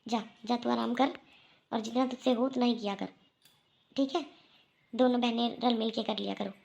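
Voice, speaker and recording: A kindly middle-aged mother-in-law in a cartoon, played by a woman. She is full of remorse and soothes and reassures, going over the same point again. Her voice is high with a gravelly fry. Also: steady tone, normal speed, a little mellow, lo-fi sound. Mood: reassuring. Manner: soothing, reassuring, repeats herself. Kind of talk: Hindi cartoon voice acting.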